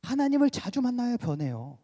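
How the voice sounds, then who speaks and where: A male pastor giving an animated sermon, full of rhetorical questions, in a church sanctuary. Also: extremely high pitch, fairly quick. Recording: reverberant church hall.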